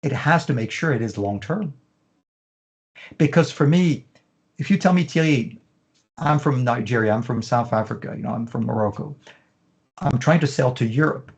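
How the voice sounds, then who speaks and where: In an interview, a middle-aged man who consults for fashion businesses walks through his methods at a normal pace. His mid-range voice is creaky and he pauses often, stringing long lists together with lots of "you know" fillers.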